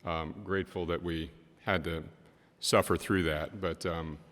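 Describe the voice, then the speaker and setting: A man with a very low voice chairs a city council meeting, taking his time and filling pauses with "uh". The sound carries the long reverb of a large council chamber. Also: steady tone, a bit bright. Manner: measured, hesitant with fillers.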